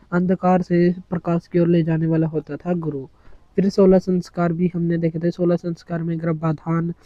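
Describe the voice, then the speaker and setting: Male teacher, slightly high voice, lecture delivery, dry muffled recording. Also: no room sound. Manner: explains in Hindi mixed with English terms, lists items one by one. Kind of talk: exam-prep lecture.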